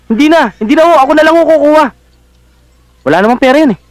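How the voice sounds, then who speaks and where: An actor playing a pesky, glib young petty thief in a Filipino film drama, full of excuses, with a Filipino accent. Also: male voice, very high-pitched, expressive, quick pace, no room sound. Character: mischievous, pesky young cousin, petty thief, policeman's son.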